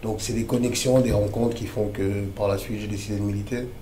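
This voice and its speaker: A man in his thirties from the Democratic Republic of the Congo talks in a casual, emphatic way with street slang. His voice is low and dark. The room around him is echoey. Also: fairly even intonation, brisk, slight background noise. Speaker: interview guest, activist. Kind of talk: casual conversational interview.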